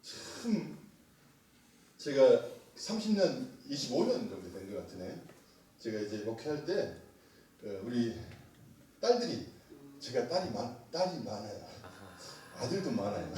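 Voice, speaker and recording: A middle-aged man, a pastor and missionary, preaching a lively sermon, joking and quizzing the congregation with call-and-response questions. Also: mid-range voice, unhurried, long pauses, a little hiss or hum. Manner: animated, joking, quizzes the congregation, laughs often. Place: church sanctuary. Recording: echoey room, mic at a distance.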